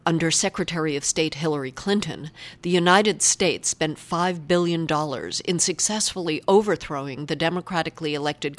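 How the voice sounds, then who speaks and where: Woman, radio host, scripted intro, measured reading, lowish pitch. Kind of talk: scripted introduction, read aloud.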